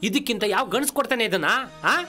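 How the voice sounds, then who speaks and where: An actor playing a furious, betrayed husband who hurls crude insults and threats, with a Kannada accent. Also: male voice, sits high, expressive, fast talker, soft background music. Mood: scornful. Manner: abusive, shouting insults. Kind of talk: comedy web series acting.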